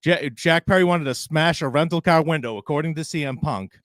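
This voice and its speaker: A man's voice: on the high side, fairly quick, a bit bright, no room sound, studio quality. A man co-hosting a casual wrestling podcast, retelling a story and laughing often. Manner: recounts stories, laughing often. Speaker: podcast co-host.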